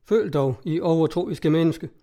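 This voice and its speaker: Man voicing a young gentleman, formal, polite, warm higher voice. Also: close to an everyday voice. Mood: insistent.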